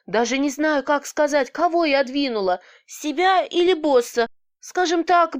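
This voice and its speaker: A woman narrating a story in the first person, lively and expressive, with blunt swearing. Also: high voice. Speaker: audiobook narrator.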